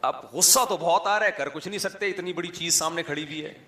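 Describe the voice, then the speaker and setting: A man's voice: on the high side, pushed and bright. A middle-aged man, an Islamic scholar giving a humorous sermon with chatty storytelling and asides to a live audience. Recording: echoey hall, faint music.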